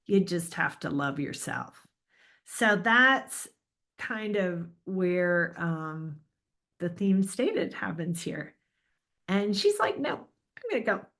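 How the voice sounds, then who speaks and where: A middle-aged woman, an author, giving a lively, emphatic writing lecture in a conversational way. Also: lowish voice, slow, gravelly.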